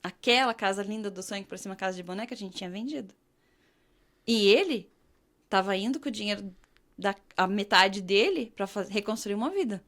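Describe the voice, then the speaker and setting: A woman from Brazil earnestly telling a personal faith testimony, slowing down when she reads scripture aloud. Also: mid-range voice, expressive, a bit bright. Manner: earnest, emotional storytelling, slows to read scripture. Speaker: guest sharing her testimony.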